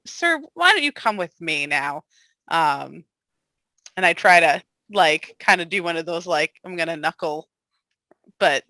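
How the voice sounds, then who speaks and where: Bright-voiced chatty young woman. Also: lowish voice, no room sound, poor audio. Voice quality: lively, chatty, many fillers. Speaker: player. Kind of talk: tabletop role-play, casual chat.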